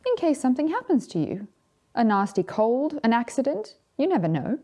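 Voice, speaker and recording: A storyteller uses a pushed-up, mid-range voice at a moderate pace to play Death in a children's storybook. He portrays the figure as a calm, kindly, matter-of-fact male who teases gently.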